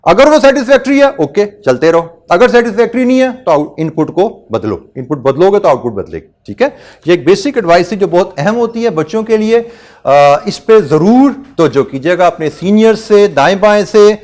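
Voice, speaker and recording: Middle-aged male lecturer; high, very animated voice; earnest, repeats his advice. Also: moderate pace. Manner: earnest, repeats points, addresses students as beta and bhai. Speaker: teacher.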